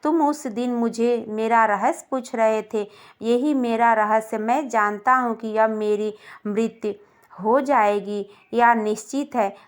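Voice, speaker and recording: A woman voicing a calm, gentle, wise male guru teaching his pupil in a storybook tale. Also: fairly high pitch, takes it slowly, clean tone. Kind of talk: storybook narration dialogue.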